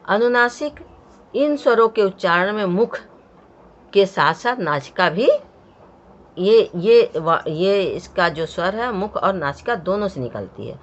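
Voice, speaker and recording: A woman teaching a grammar lesson, explaining step by step and sounding out each letter for the learner. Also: on the low side. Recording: dull, muffled lo-fi sound.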